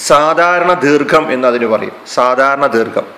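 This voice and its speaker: A man's voice: mid-range voice, animated, unhurried, pushed and bright, rough recording. A man teaching a Quran recitation class, explaining terms patiently and repeating them. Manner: fillers, restarts and hesitations. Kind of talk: classroom lesson.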